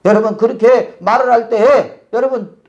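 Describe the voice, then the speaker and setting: A man's voice: very high voice, normal speed, highs cut off. A middle-aged male pastor preaching a sermon, constantly asking his congregation rhetorical questions.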